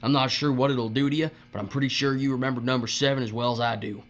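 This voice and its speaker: Speaking quickly in a mid-range voice with a light acting touch, this man voices a leering, cruel boss in a dystopian audio play. His taunting drawl and folksy, ungrammatical speech sound bossy and gloating, and the audio is muffled under a constant mains hum.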